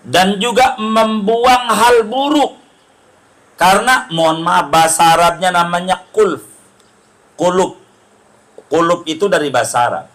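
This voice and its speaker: A man, giving a sermon at a family celebration and telling humorous stories with slow, emphatic stresses. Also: high-pitched, a bit bright, low-quality recording. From Indonesia. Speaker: preacher. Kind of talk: sermon at a circumcision feast.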